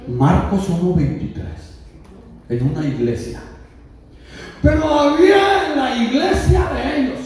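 A man preaching a lively sermon, joking with the congregation and raising his voice to shout. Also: a little high, slight background noise. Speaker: pastor. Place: church hall. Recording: echoey church from far off.

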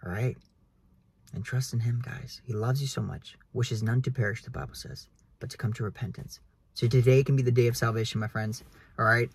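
A young adult realtor vlogger sits in his car talking earnestly about faith to his phone camera, held at arm's length, in a casual but preachy way while repeating "guys". His mid-range voice is brisk and slightly rough, with fairly even intonation.

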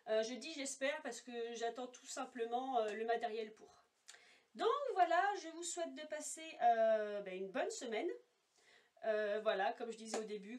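There's slight background noise as a woman with a somewhat high voice films a relaxed makeup swatch vlog at home. The beauty vlogger talks chattily and ramblingly with many fillers to a camera set off to the side, no monitor, leaving her voice a little distant from the microphone.

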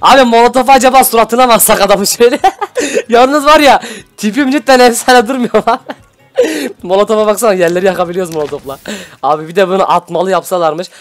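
Hyped young man shouting over gameplay. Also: high-pitched, fast, faint music behind. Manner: shouty, hyped, trash-talking at opponents. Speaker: gaming YouTuber. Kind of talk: excited gameplay commentary.

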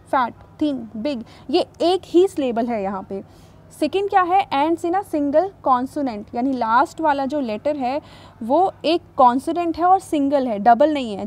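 A woman teacher explaining a grammar worksheet, patiently reading rules slowly and checking understanding as she goes. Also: sits high. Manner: repeats "thik hai" to check understanding.

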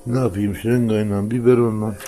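A man's voice: lowish voice, flat delivery, moderate pace, mellow. A man filming his mother cat and her kitten at home, talking to them in a coaxing, tender way and narrating what the cat does. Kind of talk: casual home video narration.

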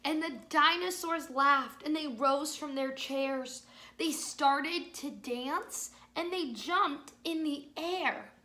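A young woman reads a picture story aloud in a kindergarten teacher voice. Her voice is high and bright, and she takes her time, stretching words out for small children. She is encouraging and exaggerated in her delivery. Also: slow pace. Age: young adult. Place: small room at home.

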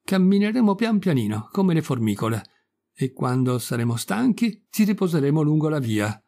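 A man's voice: on the high side, sing-song, normal speed, dark tone. A man reading the part of a young wooden puppet boy in an audiobook, with an earnest, pleading tone.

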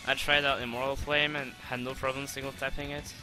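A young man commenting on his own gameplay replay, excitable and swearing, with lots of stumbling restarts, on a home desk mic. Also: medium pitch, fairly quick, music in the background. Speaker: gaming channel host.

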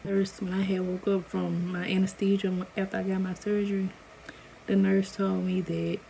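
A woman's voice: medium pitch, level tone, normal speed, vocal fry, warm tone, low-quality recording. An American woman in her twenties chatting casually and informally to camera as a vlogger in a room at home. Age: 20s. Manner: informal, conversational. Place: small indoor room at home. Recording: noticeable background room noise.

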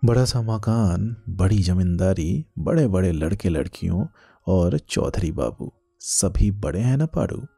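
A man voicing a young man who teases his childhood sweetheart while carrying his own grief, in a gentle bantering manner. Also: deep voice, animated, measured pace, gravelly, husky, dry recording, clean studio sound, soft background music, heavily acted. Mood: teasing. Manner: gently teasing, light banter.

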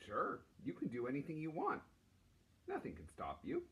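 Medium-pitched and at a normal pace, this forties-aged primary teacher reads aloud to kids indoors in a small classroom. He sounds encouraging and animated, with a playful touch.

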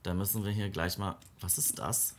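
A man's voice: deep voice, steady tone, moderate pace, slight background noise. A man giving casual let's-play commentary, chatting fondly to his game characters in a cooing, baby-talk way. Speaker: gaming let's-play creator.

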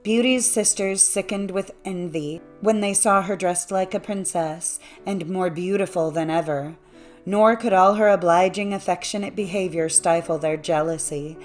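A woman narrating a classic fairy tale as an audiobook, in a measured, even storytelling manner. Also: lowish voice, soft background music.

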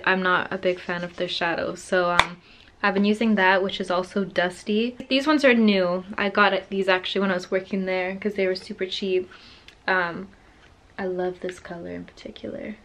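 A young woman chatting excitedly in a casual vlog at home, gushing and swearing freely. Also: mid-range voice, moderate pace, slight background noise. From United Kingdom. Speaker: beauty vlogger. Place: at home, indoors.

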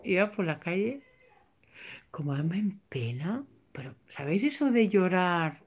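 A woman with a low, deep-set voice talks to her viewers in a loose livestream chat. She is openly theatrical and emotional, exaggerating freely as she reads their comments aloud. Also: expressive, unhurried, darkish tone. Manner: theatrical, tearful, laughing and exaggerated. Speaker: vlogger reading live chat.

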